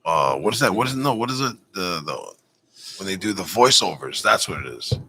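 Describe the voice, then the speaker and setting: A man hosting a casual cannabis talk show, chatting in a relaxed, announcer-like way. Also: low voice, a little fast, a little hiss or hum, poor audio. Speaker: podcast host. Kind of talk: casual chat.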